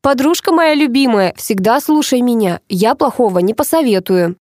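A woman's voice: high voice, expressive, normal speed, darkish tone, no echo, studio quality, pitched above the performer's own voice. A woman reading an audiobook and voicing a showy, gushing female pop singer who coos and chatters breathlessly.

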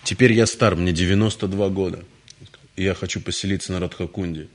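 A man voicing a frail ninety-two-year-old male guru who gives his disciples earnest, measured instructions. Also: low voice, fairly even intonation. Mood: instructing.

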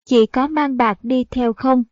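A woman voicing a kind, gentle young noble girl who speaks earnestly. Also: high voice, steady tone, slow, no room sound. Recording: dull, dry audiobook recording.

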